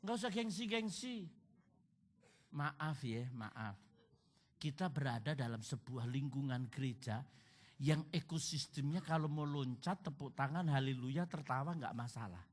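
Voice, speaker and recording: A middle-aged male pastor preaching a sermon at a church service, telling humorous stories and loudly mimicking a song leader. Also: medium pitch, animated, a little slow.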